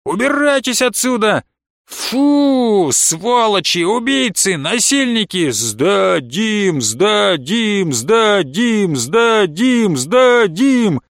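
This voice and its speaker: A shrill, hysterical woman yelling from a crowd, as a male narrator puts her on, pitched far up from his own voice. She shrieks her lines loud and sharp. The recording stays close and dry. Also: expressive, slow pace, no room sound, heavily acted.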